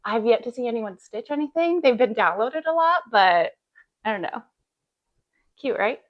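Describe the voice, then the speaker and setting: A woman's voice: fairly high pitch, lively intonation, normal speed, dull audio. A woman in her thirties chatting casually to camera about her cross stitch, bubbly and full of fillers.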